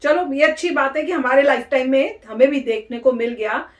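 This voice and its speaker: A woman's voice: sits high, fairly quick, echoey room. A woman from India hosting a reaction video, chatting casually and giving her opinions in a pleased, talkative way. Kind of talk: casual chat.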